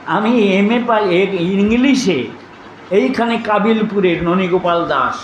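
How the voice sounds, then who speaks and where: A man's voice: high voice, dull audio, slight background noise. An older man giving a storytelling religious discourse, anecdotal and at times scolding, switching between narration and quoted voices. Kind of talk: storytelling sermon. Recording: echoey room with faint ambience.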